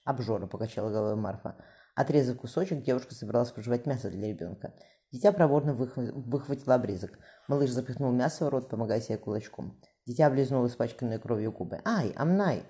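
Audiobook narrator, novel reading, rapid, very dark and mellow tone. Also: mid-range voice. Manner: brisk reading with occasional slips.

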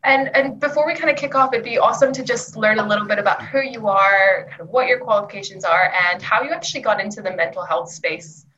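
A woman's voice: medium pitch, fast, few pauses, fairly bright tone. New woman hosting a podcast. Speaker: podcast host. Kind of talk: casual podcast chat. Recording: dull lo-fi audio with faint noise.

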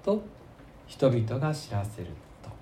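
A male pastor preaching a sermon, telling the story with emphasis, swinging between loud and soft and asking the listeners questions. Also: medium pitch, big pitch swings, a little slow, roomy sound, slight background noise. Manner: asks the congregation rhetorical questions.

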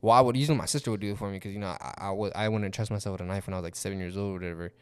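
A man's voice: lowish voice, steady tone, rapid-fire, clean tone, dry recording, studio quality. A young man chatting casually as a podcast co-host in a slangy, profane frat-bro manner. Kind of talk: casual chat.

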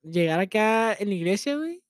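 A man's voice: sits high, very animated, clear, resonant tone, dry recording, studio quality. A young man, co-hosting a casual podcast chat, talking in crude slang and arguing his point. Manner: crude slang, fast, argumentative. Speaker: podcast co-host.

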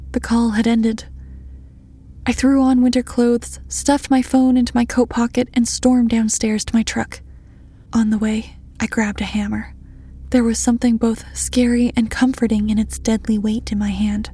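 Woman narrating horror in a measured tone. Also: a little high, breathy edge. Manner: measured, steady delivery dropping to hushed half-whispers.

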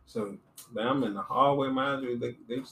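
A man casually telling a story on a podcast, animated, acting out other people's lines in raised voices and laughing often. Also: medium pitch, moderate pace, creaky. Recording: roomy with faint noise.

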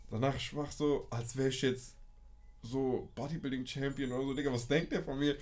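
A man's voice: medium pitch, brisk. Young man telling a story, slangy. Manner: animated storytelling full of street slang. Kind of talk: casual chat.

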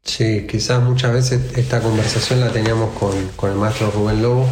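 A man from Argentina hosts a radio interview and asks his questions hesitantly, often repeating words. His voice is fairly low. The room sounds echoey, with a faint hiss behind him. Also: level tone, normal speed, darkish tone.

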